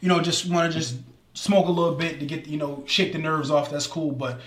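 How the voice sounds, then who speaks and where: A man's voice: a little high, fairly even intonation, a little fast. A man co-hosting a podcast, talking in loose, joking, slang-heavy banter. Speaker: podcast co-host. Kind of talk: casual chat. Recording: echoey room.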